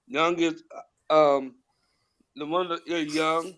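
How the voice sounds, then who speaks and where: A man's voice: on the high side, steady tone, slow pace, fairly bright tone. A middle-aged man co-hosting a casual podcast chat, laid-back and slangy. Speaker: podcast co-host.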